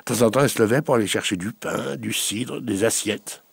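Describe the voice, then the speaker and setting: A man telling a story aloud in a lively spoken way. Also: fairly low pitch, a little fast, gravelly, breathy edge, no room sound, studio quality. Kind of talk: oral storytelling.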